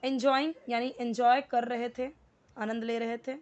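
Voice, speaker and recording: A woman with an Indian accent teaching English step by step, patiently explaining each word and reading the English lines slowly. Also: on the high side, level tone, darkish tone, dull audio. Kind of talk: step-by-step language lesson.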